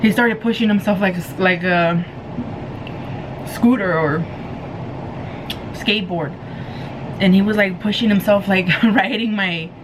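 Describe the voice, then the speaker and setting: A woman telling a story casually to viewers in an animated, giggly way, acting out what people said. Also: mid-range voice, unhurried, long pauses, noisy background. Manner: giggly, animated retelling with acted-out quotes. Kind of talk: casual storytelling chat to camera.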